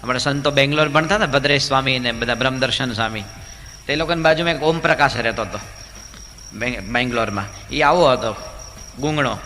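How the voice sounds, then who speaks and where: A male monk giving a humorous sermon in a large hall, telling jokes and acting out characters in lively storytelling. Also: mid-range voice, a little fast, slight background noise.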